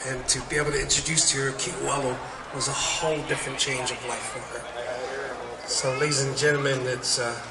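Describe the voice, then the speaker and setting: Between songs on a concert stage at an arts center, a middle-aged slack key guitarist from New Zealand chats into a stage microphone at a festival, rambling, heartfelt and often laughing. His mid-range voice is level and at a normal speed. The live recording is roomy and distant, with loud crowd and hall noise.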